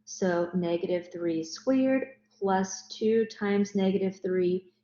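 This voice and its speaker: A woman's voice: medium pitch, slow pace, warm tone. A woman teaching math in a recorded lecture, explaining each step. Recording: roomy, dull lo-fi recording.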